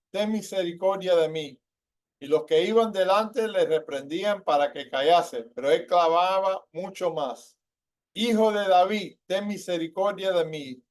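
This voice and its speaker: A man delivers a sermon to a church congregation in a high voice, often checking in with questions. He rises in pitch and volume when he drives a point home. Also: darkish tone. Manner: asks the congregation questions, tags lines with ¿verdad?. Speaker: preacher.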